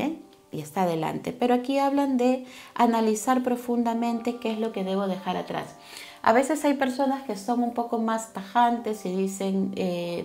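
A woman's voice: mid-range voice, gravelly, a little mellow. A woman reading tarot cards for her viewers, speaking affectionately and tagging her sentences with little questions. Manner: affectionate, with frequent tag questions. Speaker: tarot card reader.

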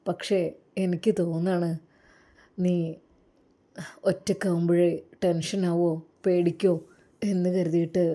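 A woman voicing a gentle widowed teacher. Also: lowish voice, natural voice. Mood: tender. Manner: soft, coaxing, reassuring. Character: gentle widowed male religious teacher, tender and reassuring. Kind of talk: audio story drama.

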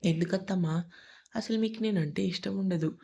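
A woman's voice: medium pitch, normal speed, gravelly, dark tone, slightly rough. A woman voicing a hurt, grieving young wife in an audio story, speaking tearfully.

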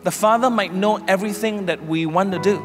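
A male pastor at a pulpit microphone, leading a prayer and preaching in short measured phrases with pauses for an interpreter. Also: high voice. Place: large church hall. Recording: long hall reverb with music behind. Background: instrumental music.

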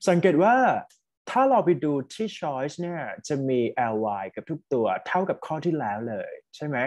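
Slightly high with a darkish tone, a Thai-accented man leads an online English exam-prep session. He weaves English words through Thai explanations and keeps asking students to type what they think.

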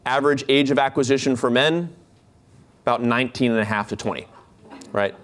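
A man's voice: medium pitch, brisk, fairly bright tone. Man giving a joking keynote. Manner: chatty and jokey, many fillers and restarts. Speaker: keynote speaker, instructor. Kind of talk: lecture keynote to alumni. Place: large lecture hall stage.

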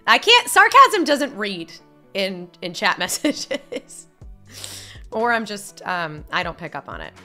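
Blunt young woman from upstate New York, casual streamer chat, bright voice, faint music behind. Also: medium pitch, very animated, slow pace. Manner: blunt, candid, swears casually. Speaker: live streamer. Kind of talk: casual live-stream chat, reading viewer messages.

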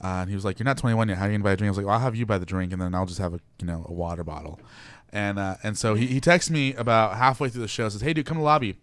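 Fast, bright-voiced excitable young man. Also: on the low side, no room sound. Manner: animated, excitable storyteller. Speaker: guest. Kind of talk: casual radio interview storytelling.

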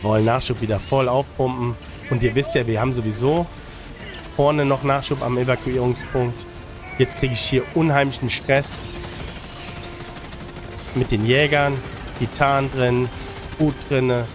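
His medium-pitched voice stays fairly even as he talks at a measured pace with long pauses. A streamer who makes gaming guides, he has a slight cold and shares casual tips in a colloquial style full of English gaming slang and tag questions, music playing beneath.

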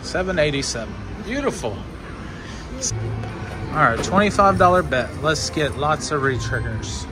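A man with a fairly high voice talks at a normal pace with few pauses, giving casual live commentary as a slot machine vlogger coaching a friend. He coaches in short bursts, counts along, and urges the game on. He's on an indoor casino floor at a slot machine, with loud casino machine music playing throughout the busy room.

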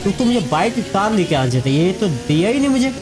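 A man giving chatty let's-play commentary, talking straight to his viewers as friends. His voice runs high for a man, and steady game noise sits clearly under it. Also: fast talker. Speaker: gaming YouTuber.

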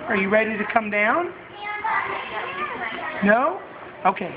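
A woman's voice: mid-range voice, animated, takes it slowly. Give me a woman coaxing a child on an old VHS tape. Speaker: helper guiding a child on a swing. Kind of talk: casual coaxing talk to a child. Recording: muffled noisy echoey old home video.

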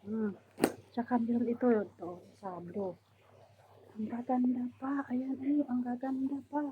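A woman's voice: fairly high pitch, steady tone, unhurried. Woman from the Philippines, casual vlogger, lots of fillers, tinny phone-quality recording. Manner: chatty, many fillers, showing items to camera. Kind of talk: casual vlog. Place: indoors, room of a household abroad. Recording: tinny phone-like sound, faint noise.

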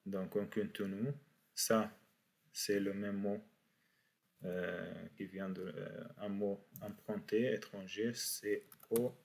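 A man teaching a beginners' class in French, slowly repeating each word for his students. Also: fairly low pitch, level tone, gravelly, breathy edge. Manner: slow, repeats words for learners. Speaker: Arabic teacher. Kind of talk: university language lesson.

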